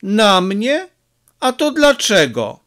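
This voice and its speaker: A man's voice: high-pitched, huge pitch swings, slow, a bit bright, voice pushed up, full character voice. A man voicing a stubborn, hurt six-year-old boy who pleads and insists, in an audiobook reading. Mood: stubborn, plaintive.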